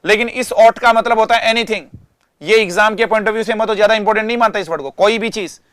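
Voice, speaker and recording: Recorded dry and up close with no room sound, this male English teacher has a fairly high, crisp, resonant voice that's a bit bright. During his online class lecture he talks directly to students, explaining words in Hindi and slowing sharply to emphasize every English example sentence. He repeatedly asks questions and supplies the answers himself.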